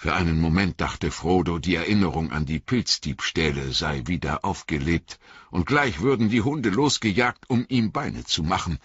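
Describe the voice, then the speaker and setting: A man narrating a fantasy audiobook in an expressive storytelling manner. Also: low-pitched, normal speed, slightly rough, dry recording, lo-fi sound. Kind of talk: scripted narration.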